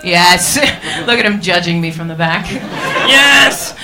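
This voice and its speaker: A woman's voice: on the low side, animated, slow pace, pushed and bright. A woman with an American accent, born in England, doing a stand-up set with crowd work, teasing and swearing and laughing between jokes. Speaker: stand-up comedian. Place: comedy club stage before a live audience.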